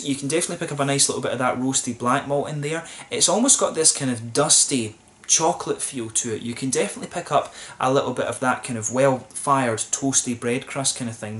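A young man gives a casual solo beer review to camera from a table in a small, plain indoor room. He speaks in a mid-range voice, thoughtful but rambling, full of ums and false starts, over a faint hiss or hum.

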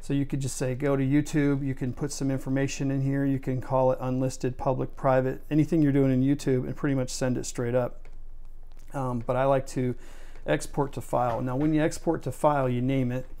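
A man walks through a computer task in a relaxed, conversational tutorial. His voice is mellow and fairly even in pitch. He explains each step plainly as he goes. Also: a little fast. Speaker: video tutorial maker. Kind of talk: casual screen-recorded tutorial.

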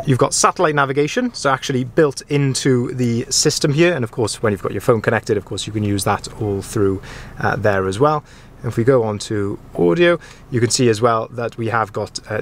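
A man's voice: on the low side, slight background noise. A man, a car sales manager, giving a chatty, enthusiastic walkaround review of a pickup truck, recorded on a handheld camera. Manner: chatty, enthusiastic, frequent ums and uhs. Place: inside a pickup truck, then outdoors at a dealership yard.

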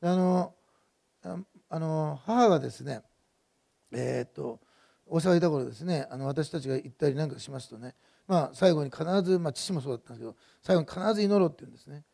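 A man's voice: a little high, fast, creaky, mellow. A middle-aged male pastor preaching a sermon in a conversational, digressive way, with many fillers and personal stories.

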